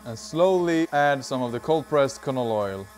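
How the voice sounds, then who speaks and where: A cheerful cooking video host in his thirties with a Swedish accent chats while working with food in a home kitchen, its garden door open, wearing a lapel mic. His mid-range voice is animated at a normal speed, with soft background music in this casual cooking demonstration.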